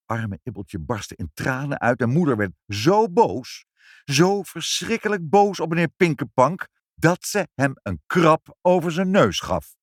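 A man's voice: fairly high pitch, a little slow, dry recording, studio quality. Een man die expressief een kinderverhaal voorleest. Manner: expressive, animated storytelling. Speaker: storyteller. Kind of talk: children's story reading.

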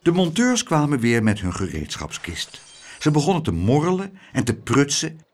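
Male audiobook narrator for a children's story, very animated intonation, lively delivery. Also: on the high side, moderate pace.

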